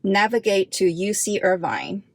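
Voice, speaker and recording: Woman from Taiwan, first language chinese, car vlogger talking slowly through settings, dry close sound. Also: mid-range voice, sing-song, dry recording. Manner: chatty and explanatory, walking viewers through steps. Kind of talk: casual vlog narration. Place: inside her car.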